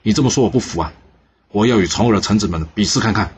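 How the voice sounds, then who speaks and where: A man's voice: lowish voice, fast, darkish tone, slightly rough, highs cut off. A man voicing a stern, hot-tempered male court minister who talks in an urgent, pressing way. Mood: indignant.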